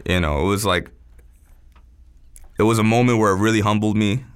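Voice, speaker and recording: A man's voice: lowish voice, a little fast, clean tone. A man, a chef as a guest, telling stories in a loose, laid-back way full of fillers. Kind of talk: casual chat.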